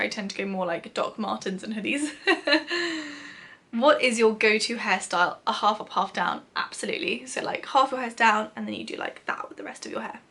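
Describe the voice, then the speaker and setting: Chatting casually to camera, this young adult British vlogger answers a list of questions, giggling and poking fun at herself. She has a medium-pitched voice that sounds pushed and bright.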